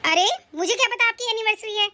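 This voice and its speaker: A woman voicing a greedy, scheming young daughter-in-law from a rich family in an animated story. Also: very high-pitched, fast. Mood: rude. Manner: smug, scheming, later pleading.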